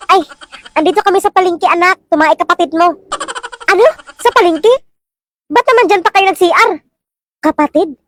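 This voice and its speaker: A woman's voice: very high-pitched, moderate pace, long pauses, background noise. A woman with a Filipino accent acting out short comic skits, switching between characters. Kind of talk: comedic POV skits playing many characters.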